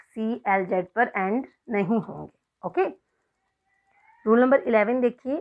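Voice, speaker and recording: A woman with an Indian accent teaching an English spelling lesson online, explaining in Hindi and English and spelling out words letter by letter. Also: a little high. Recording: dull lo-fi recording.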